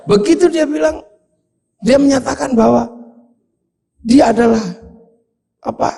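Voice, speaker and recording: A man preaching a lively storytelling sermon, animated and switching between voices. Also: very high-pitched, measured pace, vocal fry.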